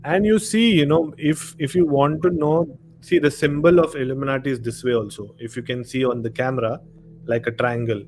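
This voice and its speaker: A live stream host, a man with an Indian accent, leads a casual discussion, rambling a bit and repeating words for emphasis. His medium-pitched voice is steady, slightly mellow, and a touch quick. Background noise and room ambience come through clearly.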